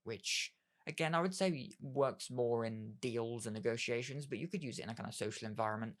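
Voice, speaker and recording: A man's voice: mid-range voice, brisk. A man giving a casual talk on communication skills, rambling and leaning on filler phrases while he restarts sentences. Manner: rambling, leans on "obviously" and "kind of"; acts out sample dialogue in a brighter voice.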